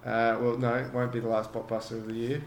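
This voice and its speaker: A man's voice: medium pitch, flat delivery, fast. A man, co-hosting a podcast in casual, jokey chat and setting quiz questions. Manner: jokey, laughs often. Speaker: podcast co-host. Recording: echoey room with faint background hum.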